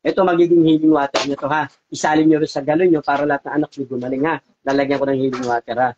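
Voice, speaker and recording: A man's voice: fairly high pitch, little pitch movement, racing, a little mellow, a little hiss or hum. Coaxing faith healer man. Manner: coaxing, repeats short questions. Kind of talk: live healing session. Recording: dull lo-fi audio.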